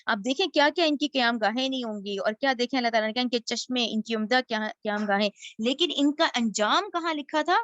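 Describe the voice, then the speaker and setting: A woman teaching a Quran lesson, reciting each Arabic phrase slowly and then explaining it in casual spoken Urdu. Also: a little high, a bit bright, dry recording, muffled recording. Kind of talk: word-by-word Quran translation lesson.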